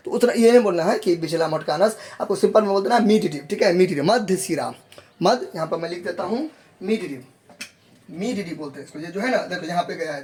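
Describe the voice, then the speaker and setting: A man's voice: high-pitched, darkish tone. A man teaches biology in a classroom style. He repeats each point and answers his own questions. He coaxes the students along as he shows them a real leaf. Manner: calls students "babu log" in a coaxing tone.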